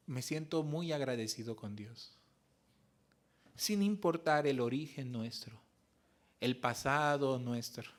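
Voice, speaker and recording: A man preaching a sermon as pastor, telling personal stories in an earnest way that moves from soft reflection to raised emphasis. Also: mid-range voice. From Mexico. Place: church service.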